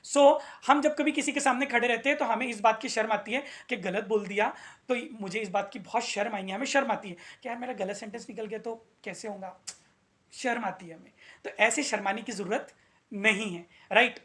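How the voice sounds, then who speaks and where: A man's voice: high-pitched, brisk, a bit bright. A male English teacher giving a motivational video lesson, earnest, repeating his key points and asking rhetorical questions.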